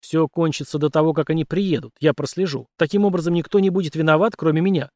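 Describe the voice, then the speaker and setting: A man's voice: a little high, steady tone, fast talker, a little mellow, dry recording, clean studio sound, lightly acted. A man voicing a tough, blunt male police officer who gives his partner orders in an audiobook. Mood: determined. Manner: gruff, commanding, blunt. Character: tough, determined male street cop.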